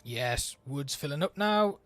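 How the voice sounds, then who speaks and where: A man's voice: a little high, animated, unhurried, fairly bright tone, faint music behind. Chatty man narrating his gameplay. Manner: chatty, thinking aloud while playing. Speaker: game streamer. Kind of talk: let's play commentary.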